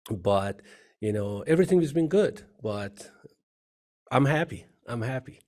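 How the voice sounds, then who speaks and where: A man's voice: medium pitch, lively intonation, measured pace, darkish tone. A middle-aged man from Iran with an Iranian accent, an earnest CEO guest telling his story in an interview and repeating phrases. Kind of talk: interview conversation.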